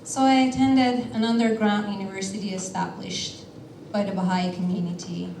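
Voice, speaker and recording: A woman from Iran telling a personal story on a theater stage in a measured way, with deliberate pauses. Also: mid-range voice, fairly even intonation, noisy background. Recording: roomy theater sound from a distance.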